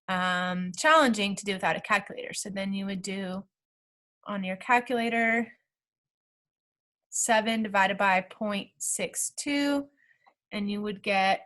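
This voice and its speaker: A woman's voice: medium pitch, fairly bright tone. A woman teacher talking through math problem steps aloud in a recorded lesson, checking in with the class as she goes.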